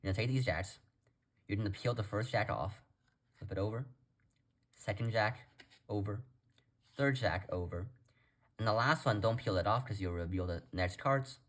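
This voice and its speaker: A man's voice: fairly low pitch, moderate pace, long pauses. A man giving a casual step-by-step tutorial as presenter, talking informally and directly to viewers. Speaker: card trick tutorial presenter.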